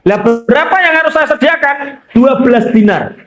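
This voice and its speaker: A Javanese-accented male preacher telling a story as a sermon. His delivery is lively and joking, broken up by frequent asides to his listeners. His voice sits unusually high. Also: normal speed, roomy sound, soft background music.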